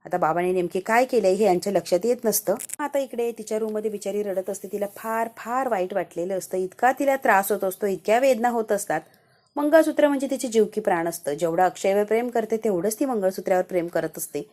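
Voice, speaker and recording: A woman tells the story of an episode as a chatty voiceover recap and often checks in with her listeners. Her voice is warm and mellow and sits in a middle pitch. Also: quick pace. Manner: conversational, frequently asks the listener questions. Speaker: serial episode reviewer. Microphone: voiceover microphone.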